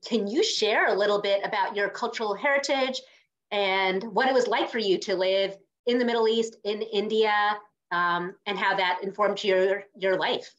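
A woman's voice: medium pitch, moderate pace. A woman podcast host who reads a guest introduction and asks encouraging questions over a video call. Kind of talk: reading an intro, then interviewing. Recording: dull lo-fi video call audio.

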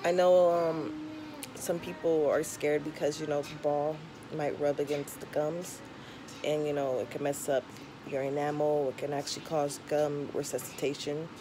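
A woman's voice: deep voice, level tone, normal speed. Lisping young woman vlogger over background noise. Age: young adult. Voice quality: slight lisp from tongue piercing. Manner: frank, conversational advice-giving. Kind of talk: casual vlog chat. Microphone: camera or phone at arm's length. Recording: clear background noise, home camera recording.

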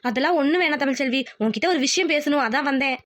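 A woman voicing a bossy, scheming village mother-in-law in a cartoon, talking quickly and insistently. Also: high-pitched, a bit bright. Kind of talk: cartoon voice acting.

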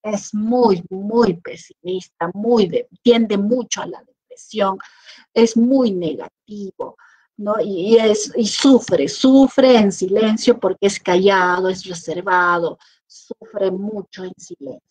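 A middle-aged woman with a Peruvian Spanish accent, giving an online class lecture in an animated way. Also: medium pitch, takes it slowly, no echo, poor audio. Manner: animated, acts out quoted people with lively voices. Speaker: teacher.

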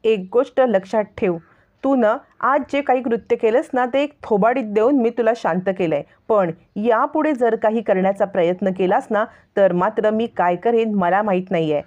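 A woman's voice: medium pitch, normal speed, a little mellow, lightly acted. A woman voicing a determined young wife who scolds and warns firmly, on a lo-fi recording. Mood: angry. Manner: scolding, warning.

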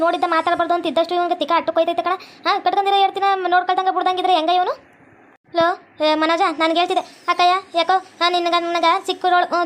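In cartoon comedy voice acting, a woman plays a bossy middle-aged mother-in-law who lectures and scolds in a North Karnataka Kannada accent. The voice is pitched very high and held to a flat, even tune.

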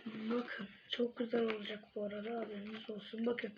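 A woman with a fairly high voice talks casually to her viewers in a relaxed ASMR-like way. She murmurs softly, often sinking toward a whisper. The recording is dull and lo-fi, with faint noise behind her. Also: fairly quick. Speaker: video creator talking to viewers. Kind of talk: casual vlog chat while playing with slime, ASMR-like.

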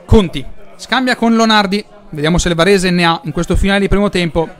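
A male football commentator with an Italian accent and a distinctly high-pitched voice. He describes the match live as play unfolds, lifting into excitement at chances. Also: fast talker.

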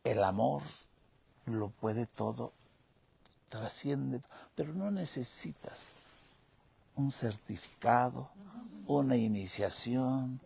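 A man, a spiritual guide telling a parable slowly, with long pauses. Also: mid-range voice, lively intonation, creaky, a little mellow. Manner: slow, drawn-out storytelling with pauses.

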